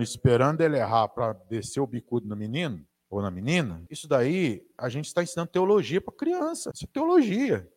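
A man with a Brazilian Portuguese accent, preaching a conversational sermon with asides to the audience. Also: mid-range voice.

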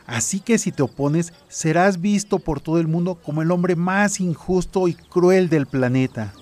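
A man's voice: fairly high pitch, normal speed, a little mellow, natural voice. A man playing an earnest, confident young prince in a children's audio story. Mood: earnest, firm.

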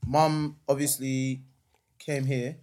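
A young man from Nigeria, chatting casually on a podcast in a lively way, peppered with slang. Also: medium pitch, slow pace. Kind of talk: casual chat.

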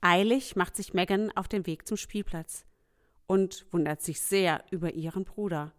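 A woman's voice: lowish voice, moderate pace. A woman narrating a children's audio story in a friendly storytelling manner.

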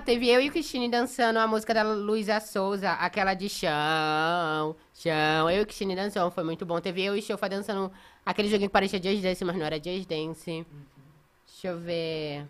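A woman chatting as a guest, telling stories with animated quoted voices. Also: medium pitch, moderate pace. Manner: animated storyteller, acts out others' lines. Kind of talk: casual chat.

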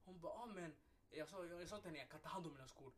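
A young man co-hosting a podcast, chatting casually and telling an animated story full of street slang and swearing. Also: a little high. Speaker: podcast co-host. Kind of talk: casual chat. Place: podcast recording room.

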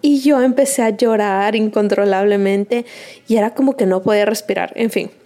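A young woman talks to her audience in a casual, chatty way, like she is telling a friend what happened. Her voice sits at an ordinary middle pitch. She laughs easily and drops English words into her sentences. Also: steady tone, moderate pace, dark tone. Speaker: vlogger. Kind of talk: casual storytelling to viewers.

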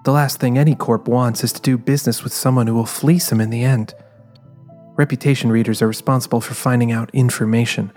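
A man performs the introspective narration of a guarded, driven woman private eye for a scripted audio drama, in a reflective mood with soft music underneath. His mid-range voice is lightly acted, fairly quick, and fairly even in intonation.

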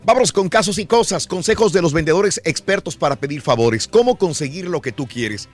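A man's voice: fairly high pitch, expressive, brisk, soft background music. A man hosting a morning radio show, chatting about soccer and announcing the time and the next segment.

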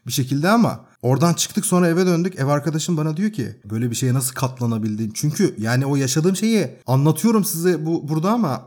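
Husky, lively young Turkish-speaking man storyteller. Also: a little high, fast talker, few pauses. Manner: animated, laughing storyteller, swears. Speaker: podcast co-host. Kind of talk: casual storytelling chat.

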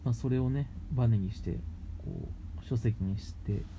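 A man talking casually as a radio host, explaining things in halting, phrase-by-phrase steps. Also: mid-range voice. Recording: muffled lo-fi with faint background noise.

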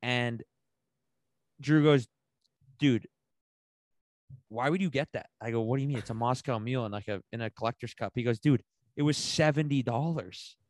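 A man co-hosting a casual podcast, telling a rambling, animated story full of slang and swearing. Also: medium pitch, normal speed, long pauses, no room sound. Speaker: podcast co-host.

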